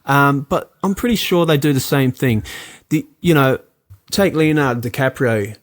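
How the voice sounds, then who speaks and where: A man, talking casually as an interview guest, animated and full of fillers. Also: mid-range voice, moderate pace. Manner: animated, many fillers, acts out quoted lines. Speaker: actor and producer guest.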